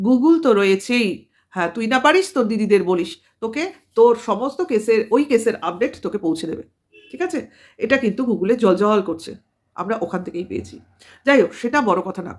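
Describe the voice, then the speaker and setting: Lady vlogger ranting fast, kinda high voice, keeps firing questions at someone. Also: fairly bright tone. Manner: combative, lecturing with rhetorical questions. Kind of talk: commentary monologue to camera.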